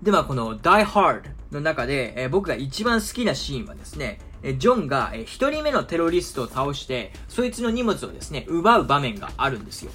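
Male film commentator, chatty and relaxed, voice swinging up and down a lot. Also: fairly high pitch, faint music behind. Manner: chatty, often drawn-out asides and filler words. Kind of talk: casual explanatory talk to viewers.

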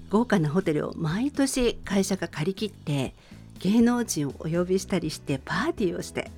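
A middle-aged woman hosting a radio show speaks to listeners in a polite, conversational way as she introduces a song, with music playing behind. Her voice is lowish and darkish in tone.

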